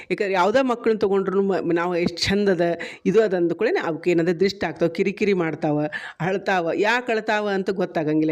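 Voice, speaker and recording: A woman's voice: lowish voice, darkish tone. Folksy woman with a North Karnataka accent. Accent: North Karnataka Kannada. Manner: folksy, conversational, often says "see". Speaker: cooking channel host. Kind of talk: homely explanation of child-care customs.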